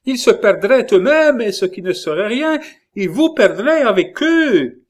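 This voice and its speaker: A man's voice: lively intonation, slow pace. A man playing a scornful old queen mother. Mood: alarmed. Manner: cutting, falls into high sharp exclamations. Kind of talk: dramatized audiobook reading.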